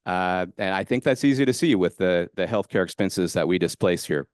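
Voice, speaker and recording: Confident man pitching an investment fund. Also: lively intonation, moderate pace, clear, resonant tone, no echo, studio quality. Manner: confident, emphatic, upbeat. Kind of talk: conference pitch talk. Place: hotel conference room.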